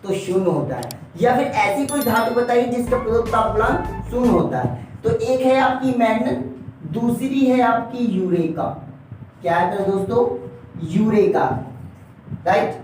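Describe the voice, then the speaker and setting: A man's voice: very high-pitched, animated, measured pace, darkish tone. Male tutor doing exam prep, keeps going "right?", lots of room echo, mic pretty far away. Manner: keeps adding a questioning "right?" tag and calls the viewers dear children. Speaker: teacher. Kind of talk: exam-prep lesson at a board.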